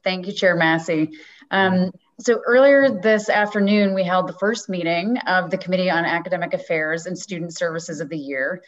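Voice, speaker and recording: Low-voiced woman on a dull video call. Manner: measured, with frequent ums. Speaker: board vice chair giving a committee report. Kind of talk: formal report at an online board meeting. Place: home room on a video call.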